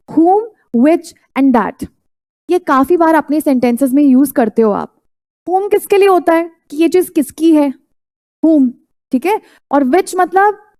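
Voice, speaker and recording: A woman teaching a class in a mix of Hindi and English. She keeps quizzing her students with quick prompts and repeats the key terms for emphasis. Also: very high voice, a little mellow.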